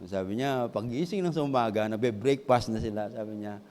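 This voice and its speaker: A man's voice: fairly low pitch, brisk, a little mellow. Man preaching in an echoing church hall. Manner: storytelling with rhetorical questions. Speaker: senior pastor. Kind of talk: sermon. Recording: hall with long reverb.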